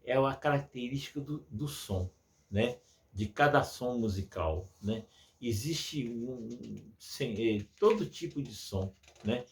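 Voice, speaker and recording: A man's voice: medium pitch, lively intonation, slow pace. A man teaching music to children, patient and full of diminutives, imitating sounds as he explains.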